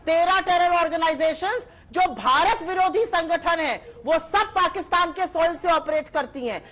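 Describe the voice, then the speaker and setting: A woman's voice: very high voice, animated, fairly bright tone. A woman speaking as a party spokesperson in a TV debate, combative and accusatory. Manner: combative, rapid-fire accusations. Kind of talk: TV debate argument.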